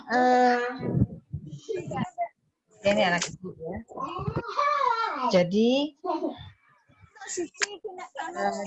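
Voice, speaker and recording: A woman teaching a nursing class online, chatty, ending her phrases with "ya" and acting out patients and nurses in quick little voices. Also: lowish voice, a little hiss or hum. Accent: Indonesian. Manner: chatty, ends phrases with "ya" and "gitu ya". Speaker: nursing lecturer. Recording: slightly dull lo-fi call audio.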